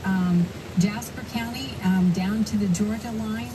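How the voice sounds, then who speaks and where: A woman's voice: mid-range voice, steady tone, normal speed, crowd noise. A woman anchoring live storm news coverage, giving updates and safety advice in a partly ad-libbed way.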